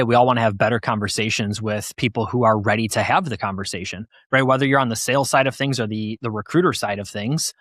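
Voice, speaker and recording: A podcast host shares his views and asks a guest questions in a conversational interview. His voice is medium-pitched and fairly bright, recorded at studio quality with no echo.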